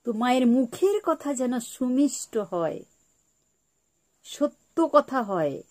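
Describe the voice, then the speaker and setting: A woman giving a spiritual talk on parenting, repeating her key points slowly like a teacher. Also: sits high, big pitch swings, a little mellow. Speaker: spiritual speaker.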